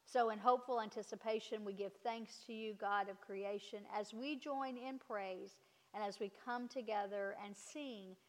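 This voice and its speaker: A woman's voice: medium pitch, steady tone, normal speed. Woman pastor in a reverberant hall. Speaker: pastor leading communion liturgy. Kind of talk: solemn liturgical address and prayer. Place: large church or hall during a service. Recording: reverberant hall with long echo.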